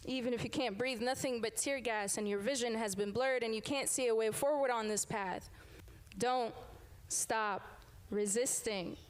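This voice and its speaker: At a moderate pace and fairly high pitch, a young Sudanese teacher performs her spoken word poetry in a live event room full of people. The piece is built around a refrain she delivers with rhythm and emphasis.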